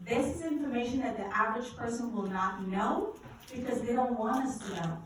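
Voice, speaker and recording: Lady talking to a church crowd, kinda high voice, lots of questions to the room, big echo, mic a bit far off. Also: brisk, slight background noise. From Guyana. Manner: energetic, asks the audience questions, preacherly. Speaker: finance educator speaking at a church event. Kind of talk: live seminar talk with audience call-and-response. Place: large echoey church hall. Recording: echoey hall from far off.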